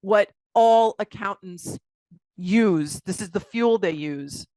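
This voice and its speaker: Animated woman, dry close sound. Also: mid-range voice, slow pace, no room sound. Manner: animated storytelling, acts out quoted voices. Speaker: guest, accountant and coach. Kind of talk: interview conversation. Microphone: video call.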